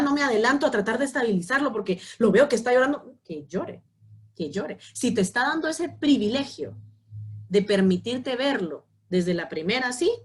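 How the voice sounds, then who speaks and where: A woman teaching a psychology class, answering student questions in an emphatic, lively way and reading them aloud. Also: on the high side. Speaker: psychology lecturer. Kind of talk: online class Q&A.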